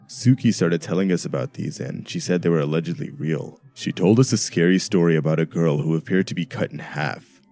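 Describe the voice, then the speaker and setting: A man narrating a first-person horror story in a steady storytelling manner. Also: sits low. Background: soft background music.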